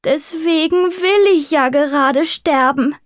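Woman doing a high, slow, dry-voiced storybook tomcat, theatrical and grandiose, a self-styled tragic minstrel. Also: animated, dry recording. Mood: tragic, pompous. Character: pompous young male tomcat, dramatic would-be minstrel. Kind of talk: audiobook character voice.

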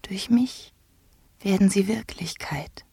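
A woman voicing a gentle, childlike girl empress in a whispered role-play, airy and tender. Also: medium pitch, slow, creaky, breathy edge, dry recording, pitched above the performer's own voice, full character voice.

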